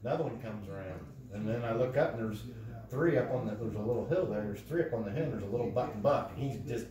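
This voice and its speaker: This time the storyteller's voice sits fairly low and moves quickly through heavily profane, casual anecdotes complete with acted-out quotes. Recorded on a phone from across a living room, it sounds roomy and distant amid background chatter.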